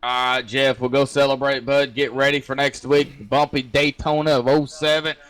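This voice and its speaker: A man's voice: medium pitch, flat delivery, moderate pace, a bit bright, clear, resonant tone. A man interviewing a race winner over voice chat, stumbling and repeating fillers.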